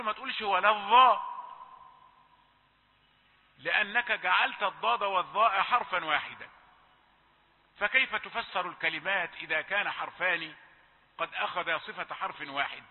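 A man teaching Quran recitation, correcting pronunciation and chanting verses slowly to demonstrate. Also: high voice. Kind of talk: recitation lesson. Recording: tinny phone-like, long hall reverb.

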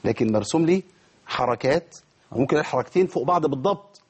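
A man's voice: medium pitch, lively intonation, fast, husky. A man with an Egyptian Arabic accent teaching a tajweed lesson. He quizzes his students and models each pronunciation for them. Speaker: Quran recitation teacher.

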